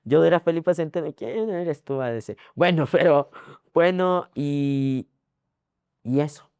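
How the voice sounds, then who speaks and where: Young ecuadorian guy rambling thru his story, lots of repeats and fillers, smooth clear voice, dry close sound. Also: a little high, measured pace, darkish tone, dry recording. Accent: Ecuadorian Spanish. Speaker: guest. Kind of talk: casual interview.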